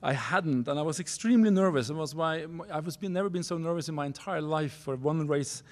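A man in his forties from Norway with a Norwegian accent, giving a keynote speech at a university podium, earnest and halting, restarting phrases in non-native English. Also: fairly high pitch, darkish tone. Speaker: keynote speaker. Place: university auditorium stage. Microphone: podium microphone.

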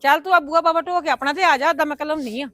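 A woman's voice: sits high, fast talker, fairly bright tone, no echo, soft background music. An actress playing a village woman who insistently coaxes a girl to come home with her. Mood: coaxing. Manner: coaxing, insistent.

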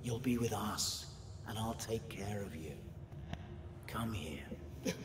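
A man's voice: fairly low pitch, noisy background. A creepy coaxing older man. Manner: slow, hushed, coaxing. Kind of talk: voice acting for a video game.

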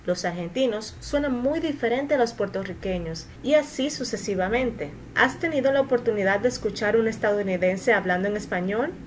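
A woman teaching English pronunciation, repeating model sentences slowly and clearly, then translating and giving advice. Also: fairly high pitch, expressive, a little hiss or hum, rough recording. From Latin America. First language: Spanish. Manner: slow, deliberate, clearly articulated model sentences. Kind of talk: pronunciation lesson with slow repetition and translation.

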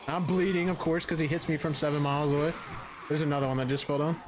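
Young male streamer, slightly high voice, deadpan sarcasm, faint hiss. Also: fast. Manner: dry, sarcastic. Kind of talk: casual co-op gaming chat.

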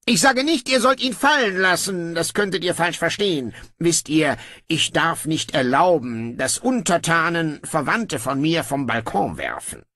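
Guy doing a gruff tired king, sarcastic and cold, slow lazy drawl, kinda husky. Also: a little high, big pitch swings, sharp tone, no room sound, pitched above the performer's own voice, heavily acted. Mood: sardonic. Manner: gruff, grumbling, dry sarcasm. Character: sarcastic, weary, ruthless young male king.

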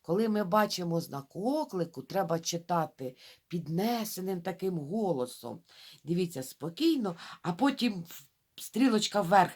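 A woman teaching young children to read, sounding out syllables slowly and talking straight to them. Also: fairly low pitch, very animated, darkish tone. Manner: drawn-out syllable-by-syllable modelling of reading; addresses children directly, coaxing. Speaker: primary school teacher. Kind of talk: reading lesson for young children.

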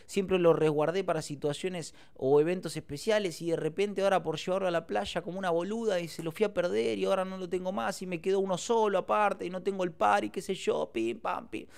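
A man's voice: sits high, fairly even intonation, a little fast, gravelly, hardly any pauses, a little mellow, clear, resonant tone, pitched above the performer's own voice. A man imitating his worried, tearful middle-aged mother with an Argentine accent and a whiny, repetitive lament. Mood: upset. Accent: Argentine Spanish.

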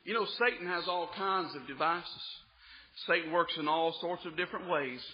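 A man with a high, ringing voice preaches with fervor, drops into quiet asides, then builds to near-shouting through rhythmic repeated phrases. The recording sounds dull and lo-fi, with the top end muffled, as if taped in a church. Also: normal speed. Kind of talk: sermon.

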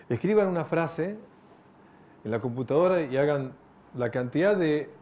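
A man's voice: mid-range voice, darkish tone. A middle-aged man gives a reflective spiritual talk to an audience. He poses rhetorical questions and adds touches of light humor. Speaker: spiritual lecturer.

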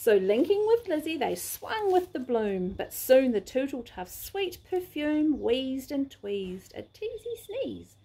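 A woman reading a rhyming picture book aloud in a sing-song, expressive way. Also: high-pitched, slow pace, few pauses. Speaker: storybook reader.

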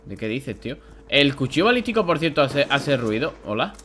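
A young man with a Spain Spanish accent doing live gameplay commentary, excitable and grumbling, swearing when frustrated. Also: medium pitch, a little fast, noisy background. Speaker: gaming YouTuber.

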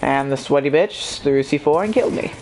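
A woman's voice: low voice, brisk, background noise. A woman hosting her gameplay video, joking, swearing and laughing through casual banter with a friend.

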